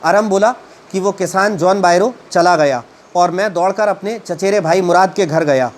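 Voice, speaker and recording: A man teaches a story in a high voice, reading the English slowly at first. He then stumbles through retelling and explaining it, relying on many fillers.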